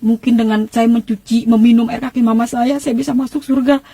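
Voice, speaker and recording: High-voiced woman giving an emotional testimony. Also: steady tone, fairly quick, warm tone, no echo. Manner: emotional, acts out the quoted voices of others. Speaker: church testimony speaker. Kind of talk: personal testimony storytelling.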